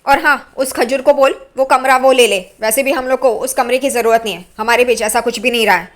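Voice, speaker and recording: A woman voicing a mischievous grown man who keeps pestering his family, in her own high voice. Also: brisk, close to an everyday voice. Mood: curt.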